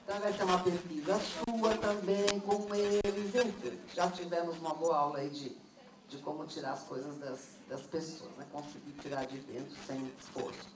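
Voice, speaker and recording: Low-pitched and at normal speed, a woman leads a teacher workshop as its trainer, keeping things lively by peppering the audience with questions. A distant mic in a noisy room gives the recording a roomy sound.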